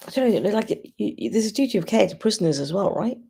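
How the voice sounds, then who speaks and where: A woman hosting a casual livestream, thinking aloud and giving opinions informally in a husky, gravelly voice. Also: mid-range voice, lively intonation, quick pace, warm tone. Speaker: livestream host. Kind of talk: casual chat to live commenters.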